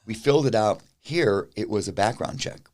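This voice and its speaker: A middle-aged man, a musician guest, telling an animated story in an interview, with many restarts. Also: lowish voice, moderate pace.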